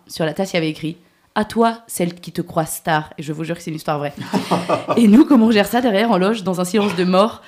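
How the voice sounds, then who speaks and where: A woman delivering a comic rant column on a talk show, exasperated and swearing as she vents. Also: lowish voice. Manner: fast, exasperated, swearing, animated. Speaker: comedy columnist. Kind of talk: ranting comic chronicle.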